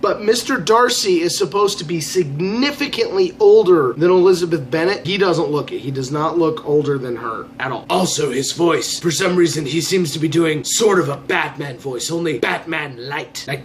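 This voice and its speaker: A man's voice: sits high, a little hiss or hum. A tipsy man giving an opinionated movie review in an emphatic rant, repeating phrases for stress. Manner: tipsy, drink-loosened delivery. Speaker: film reviewer.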